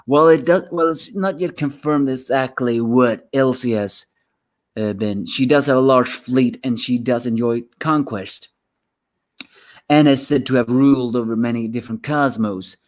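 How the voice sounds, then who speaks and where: A man's voice: medium pitch, normal speed. A man giving a rambling solo review of a manga chapter, sleepy and yawning, often restarting his words.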